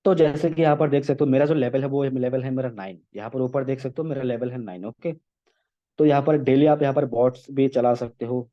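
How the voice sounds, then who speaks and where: A man's voice: medium pitch, muffled recording. A man presenting a casual tutorial to an online meeting, who explains step by step and keeps checking in with his listeners. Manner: explanatory, checks in often with "okay?" and "right?". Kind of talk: casual screen-share tutorial. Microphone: online meeting call audio.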